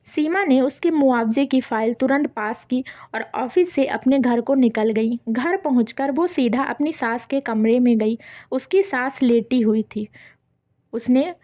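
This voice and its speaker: A woman's voice: high-pitched, measured pace, warm tone, no echo, clean studio sound. Woman narrating a family story.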